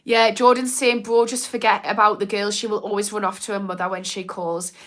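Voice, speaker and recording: On her mindset livestream, a woman in her thirties who used to be a therapist offers viewers frank advice and reads out their comments, her mild Newcastle accent reflecting her roots in that English city. Her mid-range voice is fairly quick, a bit bright, and level in tone, full of chatty "like" fillers.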